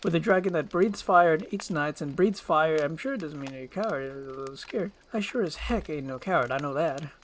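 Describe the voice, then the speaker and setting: A man's voice: on the high side, a little fast, few pauses, slight background noise, natural voice. A man voicing a jittery, cowardly but boastful talking donkey, rambling and pleading as in a storybook screenplay reading. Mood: nervous bragging. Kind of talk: storybook screenplay read with character voices.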